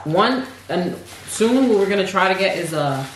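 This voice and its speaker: A woman co-hosting a casual food vlog, talking excitedly to viewers and calling them y'all. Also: medium pitch, normal speed, roomy sound, a little hiss or hum. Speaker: channel co-host. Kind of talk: casual mukbang vlog chat.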